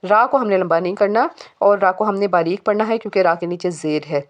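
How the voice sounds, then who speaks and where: Woman, recitation teacher, spells letters, recites phrases slowly, mid-pitched voice. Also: dull audio. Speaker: Quran tajweed teacher. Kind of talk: step-by-step recitation lesson.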